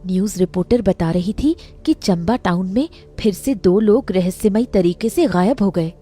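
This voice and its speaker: A woman's voice: medium pitch, animated, normal speed, dark tone, faint music behind, lightly acted. A woman playing a worried, skeptical young friend in a Hindi audio drama, with a concerned, earnest way of speaking.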